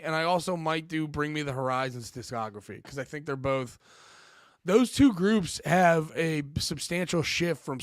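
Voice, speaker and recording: A man co-hosting a casual podcast, a bit hoarse from losing his voice, talking in an animated way and swearing often. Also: fairly high pitch, dry recording, studio quality. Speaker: podcast co-host.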